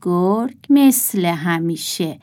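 A woman reading a storybook aloud, expressive, sometimes dropping to a whisper. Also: on the low side. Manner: expressive, dips into soft whispers.

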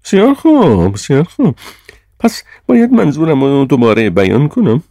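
Man voicing a pompous official man, stern, indignant, raised clipped voice, higher than the reader, dry close sound. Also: very animated, gravelly, mellow, dry recording, full character voice.

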